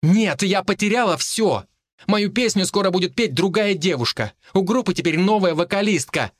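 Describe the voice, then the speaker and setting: A man's voice: a little high, moderate pace, fairly bright tone, no room sound, studio quality, voice pushed up, natural voice. A man voicing a heartbroken, desperate young woman singer who has lost her sight, tearful and crying out in anguish. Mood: despairing. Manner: tearful, breaking into anguished cries.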